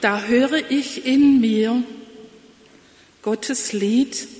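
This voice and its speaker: A woman pastor preaches slowly and reflectively, her voice at an ordinary middle pitch. She is recorded in a church with a roomy, echoing sound and a long reverb tail. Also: a little mellow. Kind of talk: sermon.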